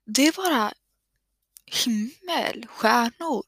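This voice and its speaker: A woman gives a whispered narration of a horror game, nervous and stammering, often cursing softly to herself. Her voice is husky and breathy, and the sound is dry and close. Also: on the high side, expressive, no room sound.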